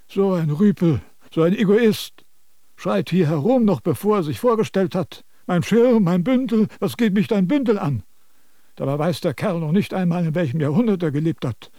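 A pompous, preachy old sage. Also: male voice, sits high, mellow, no room sound, studio quality. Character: self-important male sage, lecturing, fussy. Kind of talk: radio drama acting.

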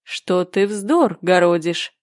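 A woman voicing a sleepy, stern male caterpillar who drawls slowly and answers curtly. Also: mid-range voice, darkish tone, no room sound, studio quality. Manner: slow drawling, curt.

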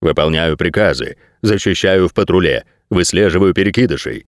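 A man's voice: expressive, normal speed, no echo. A man voicing a terse talking guard dog in an audiobook, speaking in short, clipped lines. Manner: clipped, low and dry.

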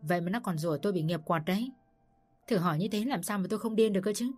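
A woman's voice: medium pitch, fast talker, darkish tone, faint music behind, lightly acted. A woman voicing an abusive older mother-in-law who screams insults, in a storybook reading. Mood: aggrieved.

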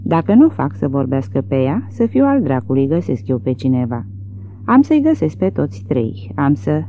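A reader voicing a huge, enraged grown son who shouts in indignant bluster, on tinny phone-like audio. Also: mid-range voice, sing-song, a little hiss or hum.

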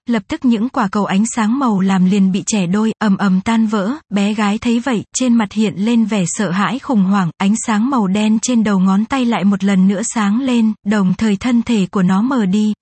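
A woman narrating a fantasy novel in a steady, even reading style. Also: medium pitch, husky, dry recording. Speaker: audiobook narrator.

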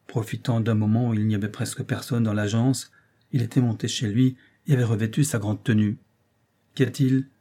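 Man reading a novel aloud, mellow. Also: fairly low pitch, level tone. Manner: measured storytelling reading. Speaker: audiobook narrator. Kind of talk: scripted narration.

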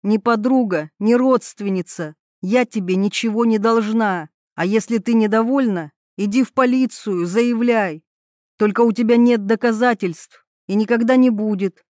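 A woman's voice: on the high side, no room sound, clean studio sound, natural voice. Woman voicing a scheming, cold woman. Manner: sharp and dismissive.

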